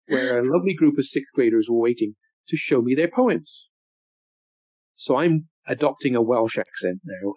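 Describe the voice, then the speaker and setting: A man's voice: mid-range voice, breathy edge, no room sound. Older man, reflective storyteller, hesitant and meandering; phone-like audio. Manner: rambling, thoughtful, many ums and restarts. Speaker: interviewee.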